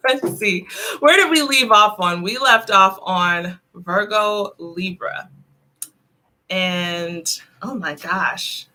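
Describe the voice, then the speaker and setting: A woman's voice: medium pitch, takes it slowly, sharp tone. A woman giving a casual live tarot reading, chatty and giggly, calling her viewers "honey loves.". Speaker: tarot reader.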